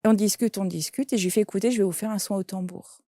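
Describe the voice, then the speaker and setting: A woman's voice: mid-range voice, quick pace, warm tone, no room sound, studio quality. A woman, a shaman and medium, telling an anecdote in an interview and quoting the people in it. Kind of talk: interview storytelling.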